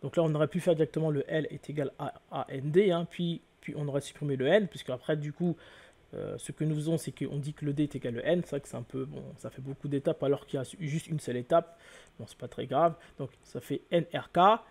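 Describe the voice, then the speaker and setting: A man's voice: fairly high pitch, fairly even intonation, fast, vocal fry. A man giving an explanatory lecture to viewers, spelling out letters one by one and often correcting himself. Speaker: lecturer on word origins.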